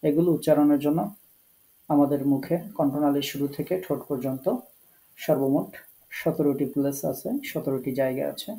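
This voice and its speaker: A man with a Bangladeshi Bengali accent teaching an online Quran recitation class, explaining earnestly with pauses and English words mixed in. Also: on the high side, steady tone, creaky, dark tone, rough recording.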